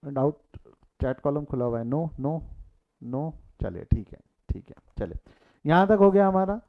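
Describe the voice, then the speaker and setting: A man's voice: fairly high pitch, very animated, a little slow. A man teaching accounting in a live online class, repeating key figures and urging students to answer in the chat. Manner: mixes English terms, repeats key figures, urges students to reply in chat. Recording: tinny phone-like audio.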